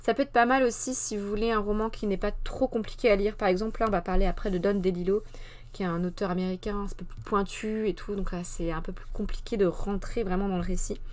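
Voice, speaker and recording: A woman's voice: mid-range voice, fairly even intonation, quick pace, a little mellow. A woman hosting a live-streamed culture segment, chatting through a book review with many fillers, restarts and frank opinions. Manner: hesitant, many fillers and self-corrections.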